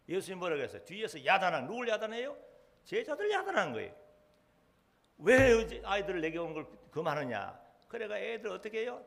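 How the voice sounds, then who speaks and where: A pastor preaches a sermon in a fairly high voice with a gravelly edge. His pitch swings widely, and he keeps putting questions to the congregation.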